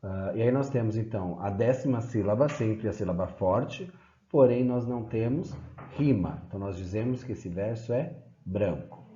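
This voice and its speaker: A man's voice: on the low side, moderate pace, dark tone. A man teaching a recorded lesson over slides, explaining step by step with frequent "né" and "então". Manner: explanatory, repeats "né" and "então", reads poems aloud. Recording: dull lo-fi echoey room.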